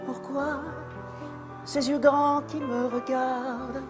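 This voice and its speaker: An earnest, pompous young suitor in a comic sketch, his voice pitched high and drawn out slowly. He declaims in a mock-operatic style over music. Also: flat delivery. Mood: mock romantic. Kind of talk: comic sketch, half-sung recitative.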